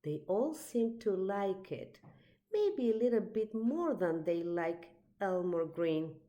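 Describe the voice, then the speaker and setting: Her voice sitting in the middle range, a woman reads a children's picture book aloud, using a thoughtful, expressive storytelling style.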